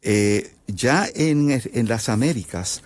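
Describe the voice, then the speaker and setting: A man's voice: medium pitch, expressive, slow, dry recording. A man from Puerto Rico with a Puerto Rican Spanish accent, a composer guest on a radio interview, explaining at length with frequent fillers and restarts. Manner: thoughtful, many fillers and restarts.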